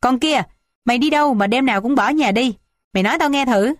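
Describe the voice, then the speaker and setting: A woman voicing a stern, irritable old village patriarch in an audiobook, gruff and scolding. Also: mid-range voice, lively intonation, moderate pace, no room sound, studio quality, natural voice. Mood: angry.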